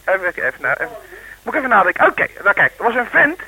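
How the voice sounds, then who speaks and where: A man's voice: high voice, sing-song, rapid-fire, pushed and bright, breathy edge, low-quality recording. A man calling in to a radio show and telling jokes in a rambling way, full of restarts. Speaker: radio caller. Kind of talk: casual joke telling on air.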